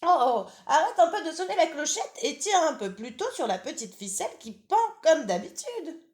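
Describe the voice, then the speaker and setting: A woman's voice: high-pitched, very animated, moderate pace, a little mellow, pitched above the performer's own voice. A woman voicing a tired, frail old grandmother who is kind and chatty, with little laughs, from a storybook. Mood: doting. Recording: roomy echo.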